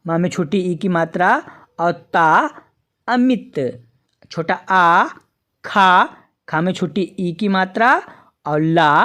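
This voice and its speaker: A woman teaching a beginners' reading lesson, spelling out words slowly syllable by syllable as the channel's teacher. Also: mid-range voice, a bit bright. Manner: slow, careful, spells out sounds syllable by syllable.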